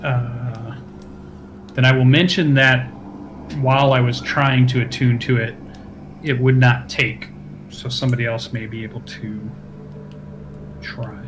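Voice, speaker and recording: A man's voice: mid-range voice, little pitch movement, a little slow, long pauses. A man playing a tabletop game, chatting casually about what his character does. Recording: clear background noise.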